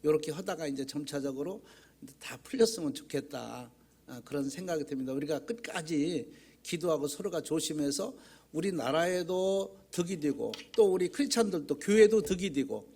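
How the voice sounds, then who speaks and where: A man's voice: fairly high pitch, animated, moderate pace, a little mellow, breathy edge. A man preaching a sermon as pastor, talking in a conversational, folksy way, telling humorous stories and putting rhetorical questions to the congregation in a church. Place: church sanctuary.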